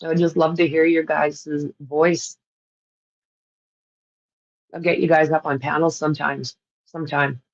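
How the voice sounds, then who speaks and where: A woman hosting a livestream talks casually and ramblingly with viewers in a Canadian accent, often laughing. Her low, creaky voice is flat, measured in pace, with long pauses. No room sound is present, and the audio is dull.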